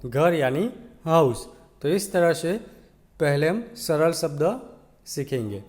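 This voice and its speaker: Teacher, male, Gujarati accent, higher voice, slow deliberate pace, spells out every syllable for small kids. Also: animated, a little mellow. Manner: sounds out letters one at a time, keeps asking "ठीक है". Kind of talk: slow, patient children's lesson.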